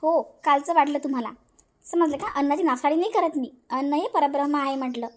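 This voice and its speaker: A woman voicing a bold, sharp-tongued young daughter-in-law in a cartoon, taunting and defiant. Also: high voice, brisk, close to an everyday voice. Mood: scolding.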